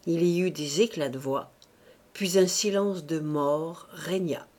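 A woman narrating a classic novel as an audiobook reader, with expressive, varied intonation. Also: low voice, slow.

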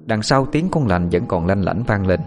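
Low-voiced man narrating a story. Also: lively intonation, normal speed, soft background music. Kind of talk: first-person story narration.

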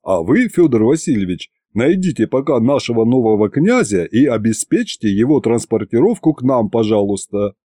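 A man voicing a calm, tired military commander who speaks in a measured, patient way. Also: mid-range voice, no room sound, clean studio sound. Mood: weary.

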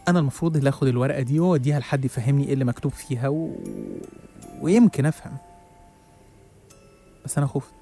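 A young Egyptian-accented man rushing through a first-person horror tale, dramatic and full of stumbling restarts. His voice is dark and mellow, and faint music plays underneath. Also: mid-range voice. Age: young adult. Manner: rapid, dramatic, with hesitant restarts. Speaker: storyteller.

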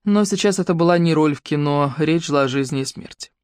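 A woman narrating an audiobook in a steady, measured storytelling voice. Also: sits low, clean tone, no echo, studio quality. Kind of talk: scripted narration.

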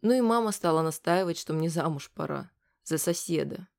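A woman narrator voices a young woman who talks quietly and sniffles, timid and complaining. The lines are soft and a bit low, as in a storybook reading of a weepy heroine. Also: animated, normal speed, gravelly. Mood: sulky.

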